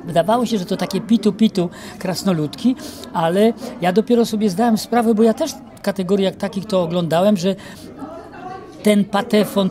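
Reminiscing older man, outdoors. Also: sits high. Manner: reminiscing, lively with many pauses and fillers. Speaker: actor interviewee. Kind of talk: casual interview. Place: outdoor garden courtyard. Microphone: handheld mic held by interviewer.

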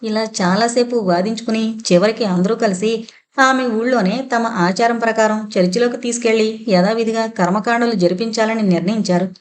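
A woman narrating a suspense novel in a steady, even storytelling manner. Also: on the high side, moderate pace. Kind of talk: scripted audiobook narration.

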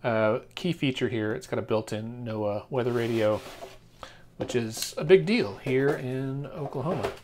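An American man in his thirties or forties does a casual, informal unboxing as a product reviewer, thinking aloud along the way. His mid-range voice is a little slow with a darkish tone, and the recording has clear background noise plus handling clicks.

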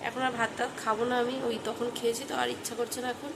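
A young woman vlogs at home while feverish and exhausted, and she sounds tired and subdued. Her voice sits a bit high but stays flat and level. The phone recording is noisy. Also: fast. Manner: tired, low-key and subdued. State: feverish and worn out. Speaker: vlogger. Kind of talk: casual vlog narration. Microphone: phone camera.

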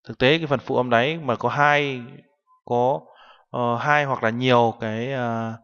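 A man's voice: mid-range voice, fairly even intonation, a little slow, fairly bright tone, clean tone. A man giving a classroom-style language lesson. He walks through each term patiently, translating it word by word. The recording sounds dull, with a long reverb trailing behind his voice. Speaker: Korean language teacher.

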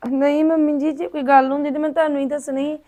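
A woman's voice: sits high, flat delivery, quick pace, close to an everyday voice. A woman playing a tearful young wife. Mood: subdued. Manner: quiet, hesitant, tearful. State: crying. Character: tearful young wife hiding her hurt. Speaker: daughter-in-law. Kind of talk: family drama acting.

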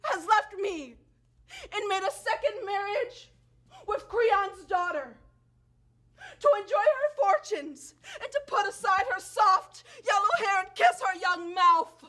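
A woman's voice: very high voice, animated, slow pace, bright, forceful tone, heavily acted. A young woman acting a wronged, vengeful foreign princess on stage, speaking with impassioned, tearful bitterness. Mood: anguished. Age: young adult. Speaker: student stage actor.

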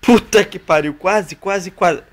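Higher-pitched young Brazilian man, urging and repetitive. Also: slow. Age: young adult. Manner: urging, repetitive exclamations, swearing. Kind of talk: casual chat while moving furniture. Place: small laundry room by an outdoor entrance. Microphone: handheld camera or phone. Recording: noisy handheld amateur video with clicks.

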